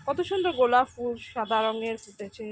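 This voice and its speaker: A woman with a fairly high, expressive voice talks fairly quickly as she films a casual home vlog outdoors in her rooftop garden. Holding her phone, she shows viewers around and keeps asking them to look and answer questions. The handheld phone recording picks up clear background noise.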